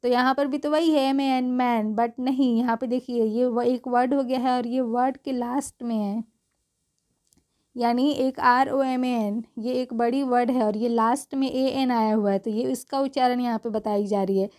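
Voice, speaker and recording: A woman with a slightly high voice explains English pronunciation rules, spelling out letters slowly and stretching each one. She keeps checking in with the learner through rhetorical questions and a steady stream of "okay".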